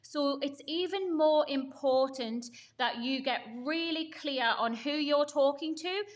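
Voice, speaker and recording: A woman's voice: high-pitched, unhurried. A woman co-hosting a casual chat on marketing, explaining her points emphatically in long runs with examples. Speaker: co-host.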